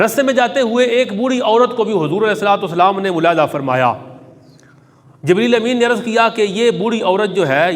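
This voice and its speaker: High-voiced preacher in an echoing hall. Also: male voice. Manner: reverent storytelling, recites Arabic hadith. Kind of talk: Friday sermon.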